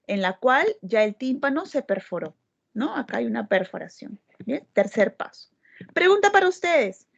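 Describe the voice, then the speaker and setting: A woman doctor teaching a class, explaining step by step and checking in with frequent tag questions. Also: on the high side. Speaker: medical lecturer. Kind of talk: classroom lecture. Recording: dull lo-fi recording.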